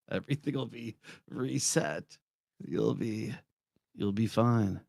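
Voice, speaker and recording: A man's voice: fairly low pitch, takes it slowly, creaky, darkish tone, no echo, clean studio sound. A man in his forties, trading blunt, profane jokes in a casual live-stream chat. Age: 40s. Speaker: streamer co-host.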